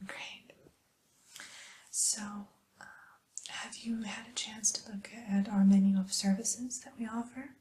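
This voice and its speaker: A woman whispering softly and soothingly as a spa receptionist in an ASMR roleplay, with gentle hesitant pauses. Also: medium pitch, level tone, slight background noise. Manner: soft unvoiced whisper, slow and soothing.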